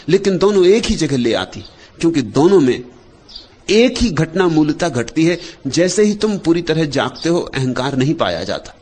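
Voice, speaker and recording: In a voice that sits high, a male teacher delivers meditative spiritual talk, using brief, measured phrases and returning to refrains.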